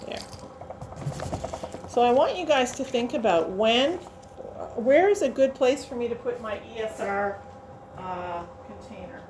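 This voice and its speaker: A woman's voice: a little high, lively intonation, a little slow, pauses often, darkish tone, a little hiss or hum. A woman instructor demonstrating a lab procedure to students, chatting and thinking aloud as she works, sometimes moving away from the mic in a teaching lab.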